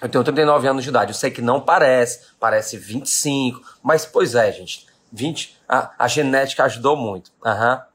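A man's voice: mid-range voice, normal speed, hardly any pauses, fairly bright tone, slightly rough. A man in his late thirties from Brazil, a business owner giving an emphatic motivational talk to his live-stream audience, repeating his key questions. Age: 30s.

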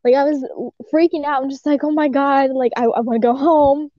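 High-voiced, giggly young woman. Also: fairly quick, no echo, lo-fi sound. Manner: giggly, expressive, acts out quotes. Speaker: podcast co-host. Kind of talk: casual storytelling chat.

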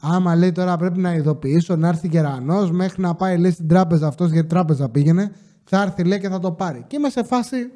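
A man whose warm voice sits high casually tells stories from his security job in a monologue. He swears freely and acts out the people he quotes with exasperation.

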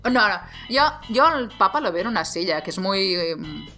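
A woman's voice: medium pitch, normal speed. Joking woman chatting, faint music. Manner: animated, jokey, with many asides and fillers. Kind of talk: casual chat.

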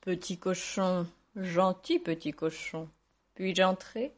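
A woman voicing a hungry, scheming male wolf in a children's story, drawing out his words slowly. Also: on the low side. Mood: wheedling. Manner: slow, drawn-out, menacing wheedling.

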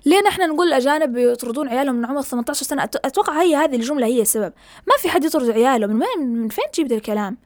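A woman's voice: high-pitched, animated, racing, dry recording, studio quality. A young woman, giving an impassioned, ranting opinion monologue and mixing in English words.

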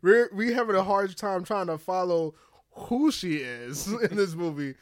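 A man's voice: sits high, animated, unhurried. A man co-hosting a casual movie chat, chiming in with jokes and laughing often. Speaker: podcast co-host.

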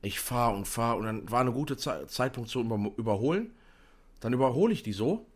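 A young man chatting casually, telling an animated story with lots of fillers and restarts. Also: medium pitch, brisk, breathy edge. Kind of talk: casual chat.

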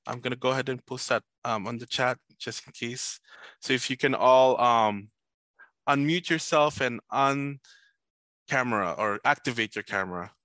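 A man hosts an online student panel over a video call. His voice is bright and crisp, close and dry. He talks loosely, with many fillers and playful asides. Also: mid-range voice, normal speed, dry recording. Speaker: international student coordinator hosting a panel.

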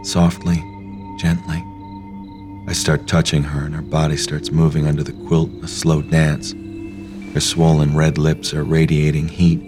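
Very deep-voiced man reading a story. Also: monotone, a little slow. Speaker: narrator. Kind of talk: first-person story reading. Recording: faint music behind.

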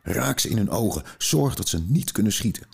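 A man's voice: sits low, big pitch swings, moderate pace, vocal fry, a little mellow, husky, full character voice. A man voicing a brave, determined young girl. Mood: urgent. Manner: urgent, commanding.

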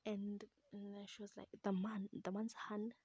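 A woman's voice: mid-range voice, little pitch movement, normal speed, warm tone, slightly rough, no room sound. A young woman retelling a book in a casual, chatty ASMR whisper close to the mic, throwing in asides and swearing.

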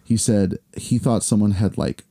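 A man in his forties, a podcast co-host, telling a long story in casual chat with lots of fillers, acting out the people he quotes in higher voices. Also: normal speed, creaky, warm tone. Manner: rambling, filler-heavy storytelling.

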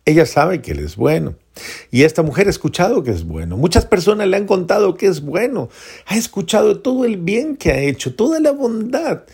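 A man preaching a homily as a priest, earnest, repeating phrases for emphasis and dropping to soft prayerful tones. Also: high-pitched, big pitch swings, a little fast, gravelly, husky.

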